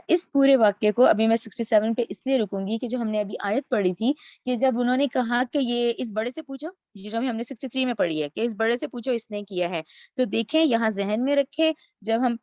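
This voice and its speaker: A woman's voice: on the high side, darkish tone, no room sound, muffled recording. A woman teaching a verse-by-verse religious lesson, reciting Arabic phrases and then explaining each one. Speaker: Quran teacher.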